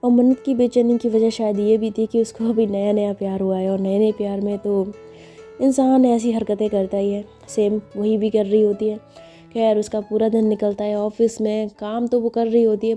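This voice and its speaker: A woman telling a story in a relaxed, chatty way, her voice dark and mellow. Her melody stays flat, and faint music plays underneath. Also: medium pitch, moderate pace. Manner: chatty, conversational, sprinkled with asides. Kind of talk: casual story narration.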